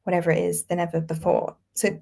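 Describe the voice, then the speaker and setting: A woman's voice: lowish voice, completely flat delivery, fast talker, vocal fry, dark tone. A British woman in her twenties, a writer and podcast guest, speaking thoughtfully in a casual conversation. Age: 20s.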